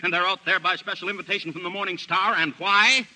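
An actor playing a pompous, excitable newspaper boss in 1930s screwball film comedy, raspy and oratorical. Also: male voice, sits high, quick pace, exaggerated voice, low-quality recording.

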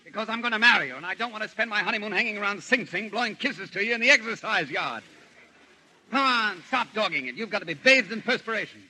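Brash, high-pitched American newspaperman. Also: expressive, quick pace, pushed and bright, husky, heavily acted. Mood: taunting. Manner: bossy, wisecracking. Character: brash scheming newspaperman, bossy, sardonic suitor. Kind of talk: 1930s screwball film comedy acting. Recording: noisy old film soundtrack.

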